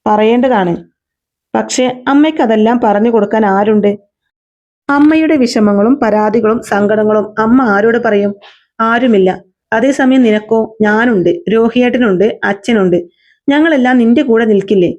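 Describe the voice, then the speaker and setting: A woman's voice: on the high side, moderate pace, a little mellow, natural voice. A woman voicing a loving young woman who patiently coaxes her younger sister, in a storybook reading. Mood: soothing. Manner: soothing, patient, coaxing. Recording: slightly dull lo-fi recording.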